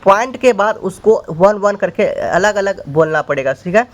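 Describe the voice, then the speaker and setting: A man's voice: high voice, animated, normal speed. A man teaching a maths lesson step by step, repeating points and addressing students as brother. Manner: repetitive, explains step by step.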